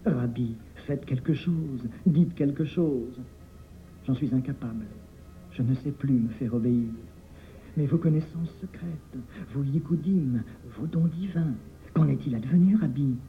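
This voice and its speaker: A man's voice: medium pitch, a little slow, voice pushed up, natural voice. A faithful, worried scribe from a spoken tale, begging his master for help, as a narrator puts him on. The voice comes through thin and narrow, like a phone line. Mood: pleading. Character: loyal anxious scribe, pleading with his master.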